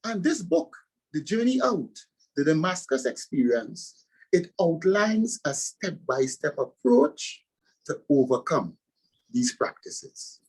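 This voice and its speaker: A man's voice: fairly high pitch, big pitch swings, slow, a little mellow, breathy edge, low-quality recording. A man from Trinidad and Tobago with a Trinidadian accent, a pastor and author answering interview questions with earnest, preacherly emphasis.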